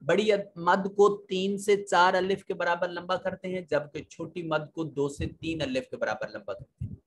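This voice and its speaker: In this recorded Quran lesson, a Pakistani Urdu-accented man patiently walks through tajweed rules and slowly recites verses. His voice sits high, and there's slight background noise.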